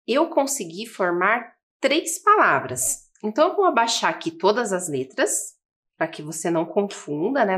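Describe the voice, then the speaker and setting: Slow, patient Brazilian woman teacher. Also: fairly low pitch, fairly bright tone. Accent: Brazilian Portuguese. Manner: spells and counts out slowly, asks the viewers questions. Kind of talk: slow, patient classroom lesson for children. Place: classroom-style studio with a table.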